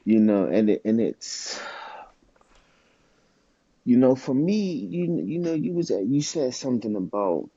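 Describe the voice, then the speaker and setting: A man co-hosting a podcast in loose, profane casual chat, his stories jumping up in pitch when he gets excited. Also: measured pace, long pauses, husky, no echo, lo-fi sound. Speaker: podcast co-host.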